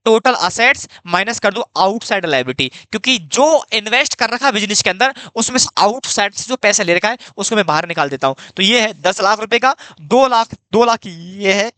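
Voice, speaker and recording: A man teaching accounting at a fast clip, often repeating himself and firing rhetorical questions at students. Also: high-pitched, expressive, pushed and bright, no room sound. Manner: repeats phrases, fast-paced. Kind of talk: exam-prep lecture.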